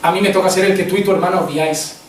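A man voicing a strict, stern father who lays down rules, speaking gravely and firmly. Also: steady tone, rapid-fire, a little hiss or hum, natural voice. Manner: grave and firm, lower than his own voice. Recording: echoey hall from far off.

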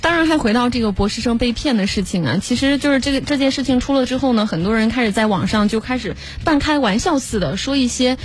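Calm woman co-host, slightly high. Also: quick pace, hardly any pauses, breathy edge. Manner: brief prompts, laughs, calm commentary. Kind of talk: casual chat.

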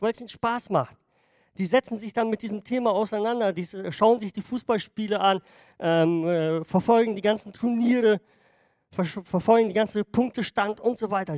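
A man's voice: sits high, a little mellow, no room sound, studio quality. A man preaching a sermon to his congregation in a conversational way, often checking in with them. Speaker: pastor.

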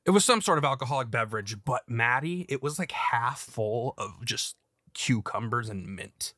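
A young man co-hosting a casual podcast, his voice bright and pushing forward. He rambles through anecdotes, doubling back on his words and laughing as he goes. The sound is close and dry, with no room around it. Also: mid-range voice, expressive, moderate pace, no room sound. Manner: rambling, laughing storyteller with many restarts. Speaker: podcast co-host. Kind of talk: casual chat.

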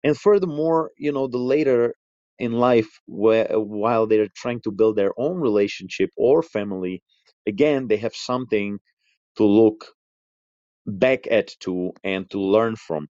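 Guy with a lowish voice giving his opinion, stop and start, dull dry recording. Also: measured pace, a little mellow, dry recording. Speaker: caller leaving a voicemail. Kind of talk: informal spoken opinion.

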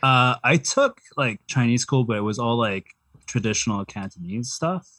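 A man's voice: mid-range voice, animated, moderate pace, a bit bright, no room sound. A young man from Vancouver chatting casually, laid-back and swearing a lot. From Vancouver, Canada. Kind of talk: casual chat.

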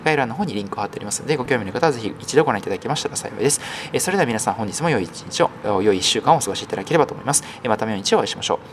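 Fast-talking male news podcast host. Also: lowish voice, animated, a little hiss or hum. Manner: frequent "えー" fillers, polite and explanatory. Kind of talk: casual news commentary.

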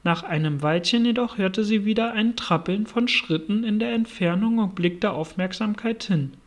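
A calm audiobook narrator. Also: medium pitch, normal speed. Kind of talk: audiobook reading.

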